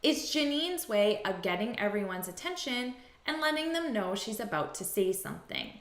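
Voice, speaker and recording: A woman teaching English, speaking deliberately and repeating example phrases again and again. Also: medium pitch, very animated, fairly bright tone. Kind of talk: language lesson. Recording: echoey room.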